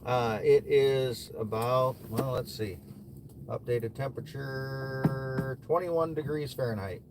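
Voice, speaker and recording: A man's voice: medium pitch, takes it slowly. A man from the American Midwest livestreaming while ice fishing, chatting easily with viewers and chuckling often. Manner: laid-back, chuckles often, answers chat between fishing. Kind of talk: casual livestream chat reading viewer comments. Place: ice fishing shelter outdoors in winter. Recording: noisy outdoor ambience.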